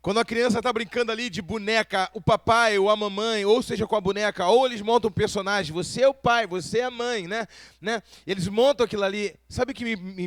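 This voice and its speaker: A man's voice: high voice, no echo. A man from Brazil preaching a sermon, often asking the congregation rhetorical questions. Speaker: pastor.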